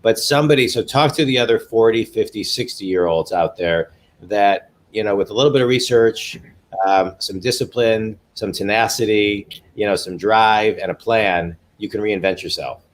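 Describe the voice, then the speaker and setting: Forties male host, lowish voice, eager and repetitive, interviewing over a video call. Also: normal speed. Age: 40s. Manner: eager, repeats words when starting a thought. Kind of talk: livestream business interview.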